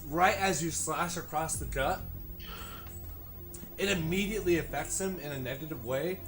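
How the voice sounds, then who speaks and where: A man running a tabletop game as game master, talking in a relaxed, casual way and swearing freely. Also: fairly high pitch, normal speed. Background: background music.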